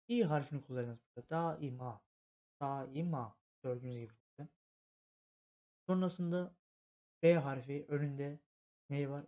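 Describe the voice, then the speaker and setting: A man's voice: on the high side, dark tone. Patient man teaching letter by letter. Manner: patient, repetitive, step-by-step explanation. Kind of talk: spelling out letters in a language lesson. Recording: dull lo-fi home recording.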